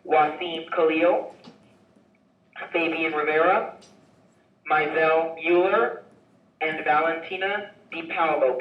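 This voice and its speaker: A man reading the afternoon announcements over a school intercom loudspeaker, calling out a list of names in a steady, formal way. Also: a little high, far from the mic. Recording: muffled intercom speaker, echoey classroom, from afar.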